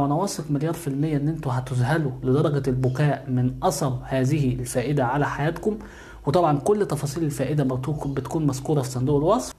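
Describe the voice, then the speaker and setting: A man's voice: on the high side, darkish tone. A man with an Egyptian accent hosts his channel, giving casual spiritual how-to instructions, often calling out to viewers and answering his own questions. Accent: Egyptian Arabic. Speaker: YouTube channel host.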